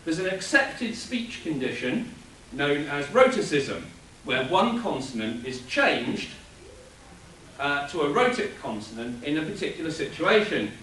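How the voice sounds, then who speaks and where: Man lecturing lively in an echoey hall. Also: fairly high pitch, unhurried, a little hiss or hum. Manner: animated explanatory delivery with chuckles. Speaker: convention panelist. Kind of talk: lecture-style panel talk. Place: convention panel room. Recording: echoey room from a distance.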